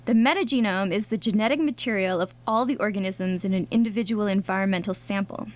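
A woman co-hosting a science radio show in a studio, explaining things conversationally in a bright, curious manner. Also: mid-range voice, fast talker. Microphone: studio microphone.

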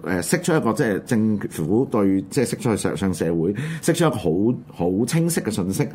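A man with a Hong Kong Cantonese accent, hosting an online radio show and chatting casually about current events in a subdued, halting way. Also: fairly low pitch, very animated, dark tone, a little hiss or hum. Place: studio.

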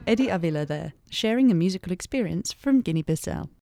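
A woman hosting a program, introducing segments in a smooth, measured way. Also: lowish voice, lively intonation, loud music behind the voice. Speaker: host. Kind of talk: scripted program links.

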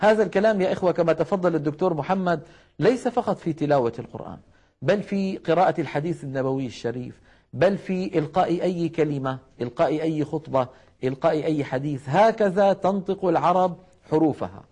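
A man with a fairly high voice leads a televised recitation lesson from a studio. He sounds out single syllables slowly and carefully, then explains how each one is formed. He keeps asking listeners at home to repeat after him. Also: darkish tone. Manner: repeats letter syllables to demonstrate, urges viewers to try at home. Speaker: Quran recitation teacher.

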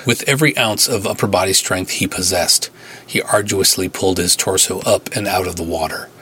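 A man reading his own adventure story aloud in a steady, dramatic narration. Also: sits low, fairly quick, slight background noise.

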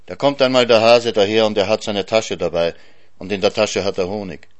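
A man reading a folk tale aloud as narrator, calm and measured. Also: lowish voice. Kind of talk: scripted story narration.

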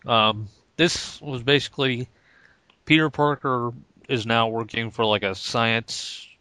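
A man's voice: mid-range voice, fairly even intonation, slow pace, sharp tone, clear, resonant tone, no echo. A man casually talking about comics, hesitant and laid-back with many ums. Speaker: comic book podcast co-host. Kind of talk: casual chat.

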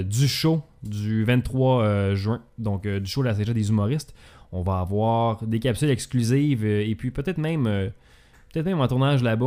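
A man with a Québécois accent hosts a laid-back talk show at an ordinary, middling pitch. He rambles and hesitates, filling his pauses with drawn-out ums. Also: a little mellow. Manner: hesitant, many filler sounds, rambling. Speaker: podcast host. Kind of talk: casual chat.

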